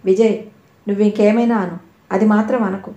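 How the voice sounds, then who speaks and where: A woman's voice: medium pitch, fairly even intonation, fairly quick, dark tone, echoey room, natural voice. A woman voicing a hurt and angry young man in a storybook reading, speaking curtly and with resentment.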